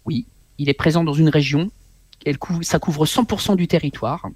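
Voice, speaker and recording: A man in his forties, a guest author, telling a personal story in an interview in an animated, halting way, often repeating his words. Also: fairly high pitch, slightly rough, no room sound.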